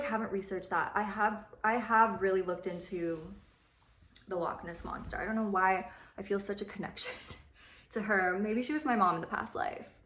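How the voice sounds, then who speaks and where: Young female beauty vlogger, mid-pitch, chatty and rambling, slightly echoey room. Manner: rambling, chatty, swears casually. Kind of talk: casual chat while doing makeup. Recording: roomy echo.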